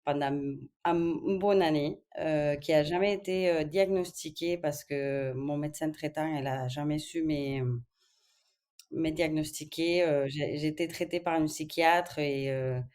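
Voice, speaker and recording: A woman from Spain with a low voice talks as a guest on a podcast. She speaks in a thoughtful, hesitant way, pausing often with fillers, in a relaxed interview setting. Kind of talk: casual interview.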